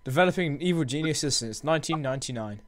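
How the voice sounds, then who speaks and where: A man's voice: on the high side, lively intonation, fast talker. A young man co-hosting a gaming video, bantering and teasing in casual chat. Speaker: gaming channel co-host.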